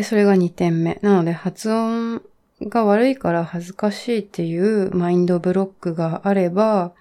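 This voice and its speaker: A woman in her thirties talking in a relaxed, reflective monologue, full of fillers and trailing asides, as she gives advice on learning English. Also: medium pitch. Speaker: podcast host giving English learning advice. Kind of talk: casual monologue.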